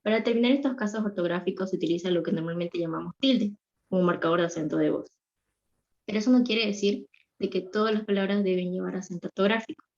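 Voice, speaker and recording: A woman's voice: medium pitch, quick pace, darkish tone. A woman student giving a class presentation, reading from slides with fillers and restarts. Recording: muffled lo-fi audio.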